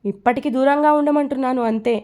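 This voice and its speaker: A gentle, shy young bride with a soft, pleading way of speaking, voiced by a woman. Her tone is mellow and a little high, in a storybook reading. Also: steady tone, a little fast, close to an everyday voice.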